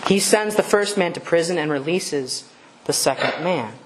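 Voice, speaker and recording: Woman preacher, lowish voice, conversational sermon full of rhetorical questions. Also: animated, moderate pace, slight background noise. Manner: conversational, asks rhetorical questions, self-correcting.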